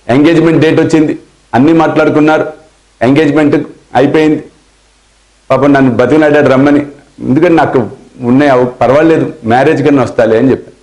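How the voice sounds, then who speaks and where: Man, spiritual teacher with a Telugu accent, mid-pitched; devotional storytelling sermon with acted-out dialogue. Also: a little mellow, poor audio. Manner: storyteller acting out quoted dialogue, slowing for emphasis.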